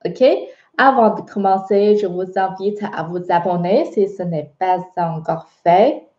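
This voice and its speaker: A woman's voice: lowish voice, a little slow, dark tone. A woman with a Chinese accent teaching a beginner language lesson, patient and checking in with her students often. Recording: muffled, echoey room.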